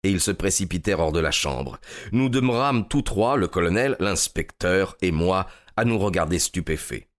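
Casting: man, lowish voice, steady audiobook narration. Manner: steady, measured storytelling.

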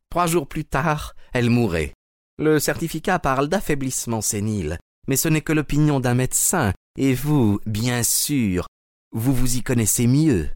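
A man's voice: medium pitch, no echo, close to an everyday voice. An actor playing a hostile, sarcastic man who taunts and blusters, in a dry studio recording. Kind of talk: audio drama acting.

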